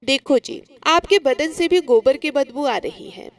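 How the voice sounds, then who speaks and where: A woman's voice: sits high, measured pace. A woman voicing a spoiled, scornful young daughter-in-law who talks in an irritated way in a storybook tale.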